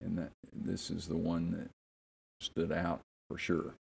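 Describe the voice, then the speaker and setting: A man, reminiscing earnestly in an interview, pausing and repeating himself. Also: deep voice, monotone, vocal fry, darkish tone, slight background noise. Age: 70s. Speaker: interviewee, minister.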